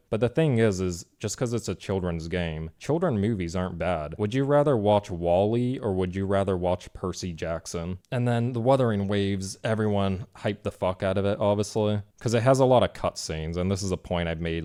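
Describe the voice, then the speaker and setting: A man's voice: low voice, warm tone, smooth. A man streamer giving a casual, rambling, sarcastic rant about a game.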